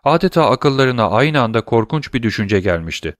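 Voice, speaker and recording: A man reading a novel aloud in scripted audiobook narration, measured and suspenseful. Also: mid-range voice, very animated, dry recording, studio quality.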